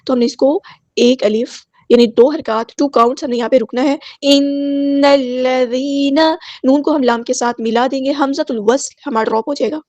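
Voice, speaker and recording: A woman teaching tajweed, chanting verses slowly and explaining each rule patiently, step by step. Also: a little high, mellow, no room sound. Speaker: Quran recitation teacher. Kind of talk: tajweed lesson with slow recitation.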